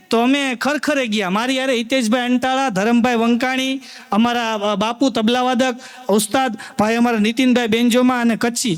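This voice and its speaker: High-voiced storytelling comedian. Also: male voice. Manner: folksy storyteller addressing the audience as sir, acting out old folks. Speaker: stand-up comedian. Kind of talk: live stand-up storytelling.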